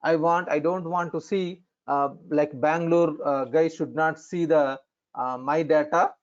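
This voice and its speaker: Give me an Indian-accented male instructor with a fairly high voice, explaining haltingly over a lo-fi online call. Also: steady tone. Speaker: instructor in functional finance consulting. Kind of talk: explanatory online lesson, checking in with learners. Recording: dull, lo-fi online call audio.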